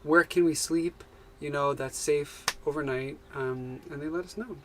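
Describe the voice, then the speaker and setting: A man co-hosting a live van life chat, talking casually and upbeat, often chiming in with quick agreements. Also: on the high side, a bit bright, a little hiss or hum. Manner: upbeat, chatty, quick to chime in with short agreements.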